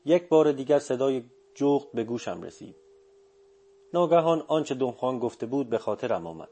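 Man reading a story in a dark mellow voice. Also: medium pitch, animated. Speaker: audiobook narrator. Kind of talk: scripted narration.

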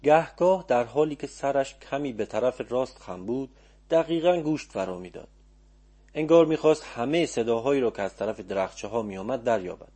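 A man narrating an audiobook in a calm, measured storytelling manner. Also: medium pitch, husky.

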